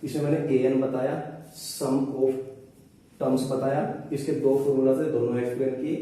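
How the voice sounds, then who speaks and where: A man's voice: mid-range voice, level tone, moderate pace, mellow. A man teaching a maths lesson, patient and reassuring as he talks his students through each step. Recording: echoey room, distant mic.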